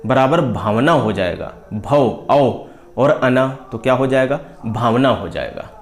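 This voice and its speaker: A man teaching a grammar lesson, repeating each point and asking questions that he answers himself, drawing out vowel sounds as he explains. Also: mid-range voice. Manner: repetitive, asks and answers his own questions, stretches out vowel sounds.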